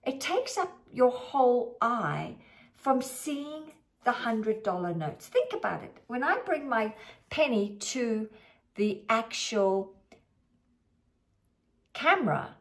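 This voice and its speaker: A woman money mindset coach giving a motivational talk to camera, with slow, emphatic, drawn-out phrasing. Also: a little high, sing-song. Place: filming herself on camera.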